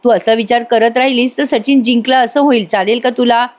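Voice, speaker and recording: A woman voicing a middle-aged father who speaks gently and reassuringly, in her own voice. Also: a little high, steady tone, a little fast, pitched above the performer's own voice, close to an everyday voice. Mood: soothing.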